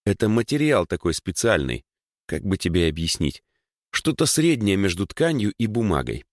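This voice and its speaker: A man's voice: deep voice, big pitch swings, moderate pace, no room sound, studio quality. A man voicing a talkative young village girl who explains things at length, raised above his own voice. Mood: explaining.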